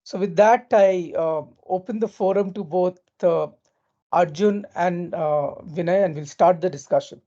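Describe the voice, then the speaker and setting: Mellow, posh Indian-accented woman host. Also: lowish voice, unhurried. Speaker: event host. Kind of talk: formal corporate presentation and introductions. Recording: dull, lo-fi audio.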